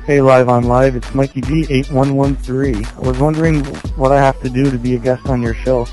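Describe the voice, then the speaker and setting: A man leaving an eager, brisk voicemail for a podcast. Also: mid-range voice, level tone, a little mellow, soft background music. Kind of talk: voicemail message.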